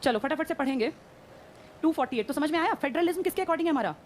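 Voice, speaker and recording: A woman teacher giving a brisk classroom lecture, quizzing her students and answering her own questions. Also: high-pitched, expressive, slight background noise.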